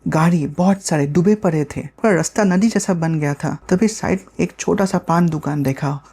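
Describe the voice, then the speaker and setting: Quick casual storyteller, animated, keeps repeating stuff for drama. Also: medium pitch, breathy edge.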